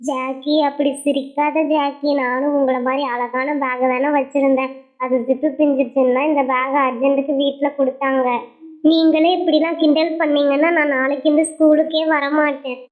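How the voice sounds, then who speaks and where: A woman voicing a gentle young schoolgirl in a doll show, speaking politely and pleading. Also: high-pitched, little pitch movement, moderate pace, close to an everyday voice. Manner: polite, pleading, sobbing at times. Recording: tinny phone-like sound.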